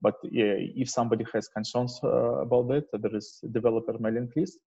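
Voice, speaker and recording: At an online developer meetup, a male presenter walks through slides in a casual, hesitant way, his husky, mellow voice medium in pitch, steady in tone and fairly quick. The audio, captured by a video call mic, is lo-fi, dull and muffled.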